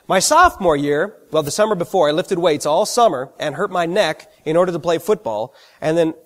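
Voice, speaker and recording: A man preaching a sermon, telling personal stories with animated, self-deprecating humor. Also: fairly high pitch, fairly quick.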